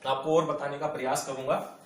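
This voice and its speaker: A man with a high-pitched voice leads a whiteboard lesson, repeating each example word slowly and patiently. He stands some distance from the mic in a room with a noticeable echo. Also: level tone. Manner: patient and repetitive, drawing out example words. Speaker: English teacher. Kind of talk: whiteboard lesson explaining step by step. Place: classroom with a whiteboard.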